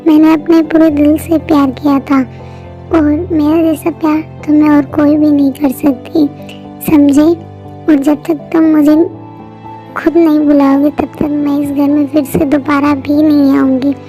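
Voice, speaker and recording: A woman voicing a heartbroken young wife in an amateur fan dub drama, talking slowly and emotionally. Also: high voice, little pitch movement. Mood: hurt, defiant. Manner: pleading, emotional, slow. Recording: muffled lo-fi audio with soft music.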